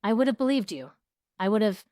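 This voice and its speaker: A woman voicing a shaken adult husband who speaks quietly and sounds hurt. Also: mid-range voice, big pitch swings, fairly quick, no room sound, studio quality, pitched above the performer's own voice, natural voice.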